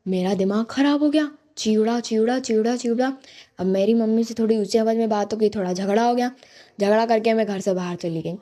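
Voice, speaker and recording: A woman's voice: mid-range voice, warm tone. A teenage girl from India telling a chatty, exasperated stand-up story for a school radio show. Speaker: student stand-up performer. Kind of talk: stand-up comedy monologue.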